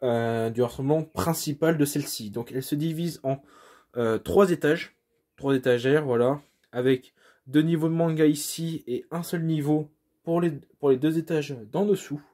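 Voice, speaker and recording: A man's voice: fairly high pitch, normal speed, warm tone. A man talks casually while filming his room on a phone held at arm's length. His speech is hesitant, full of fillers and self-corrections, with modest, self-deprecating apologies as he goes. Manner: hesitant, many fillers and restarts. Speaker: vlogger showing his manga collection. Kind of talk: casual home video tour.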